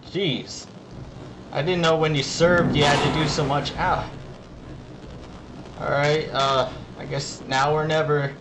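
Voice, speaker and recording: Slow-talking man, higher voice, noisy recording. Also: fairly even intonation. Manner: jokey mock-complaining, talking back to the game. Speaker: let's play gamer. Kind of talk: casual gameplay commentary.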